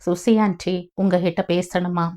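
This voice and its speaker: A woman's voice: fairly low pitch, flat delivery, unhurried, mellow, close to an everyday voice. A woman reading the lines of a polite, helpful young man in her own plain voice.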